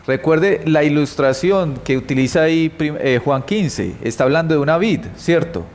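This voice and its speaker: A man's voice: on the high side, animated, normal speed, darkish tone. A man with a Colombian Spanish accent teaching a church Bible class, reading scripture and quizzing the class with questions and repeated key words.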